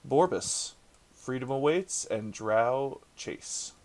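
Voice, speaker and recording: A man's voice: medium pitch, expressive, slow, a little mellow. A man running a tabletop game as dungeon master, joking and laughing often as he talks on a computer mic.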